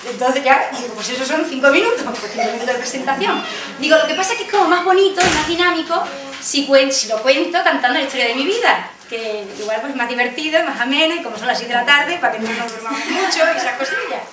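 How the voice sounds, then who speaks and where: High-voiced woman telling stories in an echoey hall. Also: quick pace, a crowd in the background. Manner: animated, acts out quoted voices, laughs often. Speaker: conference speaker. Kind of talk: lively personal storytelling talk. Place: conference room. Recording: echoey hall, distant mic, background noise.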